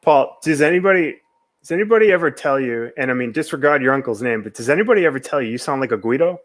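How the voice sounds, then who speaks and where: A man's voice: mid-range voice, animated, fast. A young man with a Boston accent, hosting a casual video-call chat with joking, friendly banter. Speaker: host.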